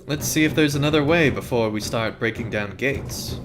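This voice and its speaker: Over music, a let's play gamer casually comments on a story game at a moderate pace, thinking aloud with fillers, restarts, and self-corrections. He rambles, sometimes reads the game's text aloud, and his voice occasionally jumps very high when he jokes.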